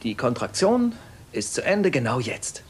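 A man's voice: mid-range voice, big pitch swings, unhurried, slight background noise. A man dubbing a sarcastic, know-it-all birthing partner in a soap opera, with a needling manner. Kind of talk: German TV soap dub.

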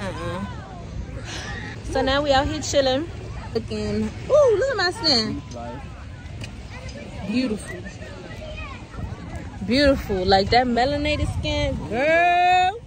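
Slow and sing-song, her high voice drifts over a crowd in the background as she pauses often. She's a chatty lifestyle vlogger talking to camera and calling viewers y'all, captured on noisy outdoor camera audio.

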